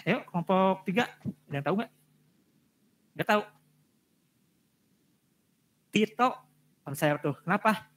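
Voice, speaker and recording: A man's voice: sits high, lively intonation, moderate pace, a bit bright, a little hiss or hum. A male lecturer giving direct feedback on student presentations, repeating his points for emphasis. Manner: direct, repetitive emphasis with frequent fillers.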